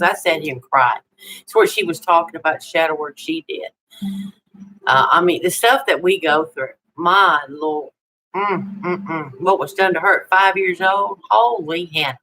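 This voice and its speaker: A sixty-year-old woman with a Tennessee accent hosts a casual live chat in a folksy, homespun way. Her voice is bright and a little low for a woman, with faint noise behind it. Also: poor audio. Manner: folksy, chatty, with homespun exclamations. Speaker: live stream host.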